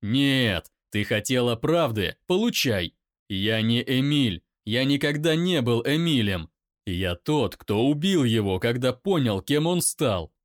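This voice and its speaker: A man playing an angry young man who shouts back in his own defense. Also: mid-range voice, a little slow, few pauses, dry recording, clean studio sound, lightly acted.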